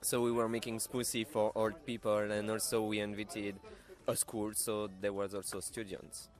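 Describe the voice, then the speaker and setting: A man's voice: fairly low pitch, little pitch movement, moderate pace. A man in his twenties with a French accent, plainly explaining his volunteer work in a radio interview. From France. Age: 20s. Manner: explains plainly, uses "basically". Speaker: guest volunteer.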